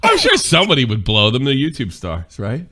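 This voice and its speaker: A man's voice: mid-range voice, huge pitch swings, brisk, bright, forceful tone. A man hosting a gaming stream, giving laid-back, playful play-by-play commentary. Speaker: host and game commentator.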